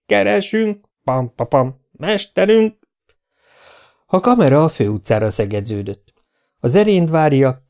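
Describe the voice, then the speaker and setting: Man reading an audiobook aloud. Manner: lively storytelling, lifts pitch for quotes. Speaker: audiobook reader. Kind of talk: audiobook narration.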